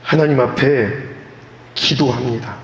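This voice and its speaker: A male pastor preaching a sermon at a youth retreat in an animated way, asking the audience questions and acting out scenes. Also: medium pitch, unhurried. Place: church hall. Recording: echoey hall with faint background noise.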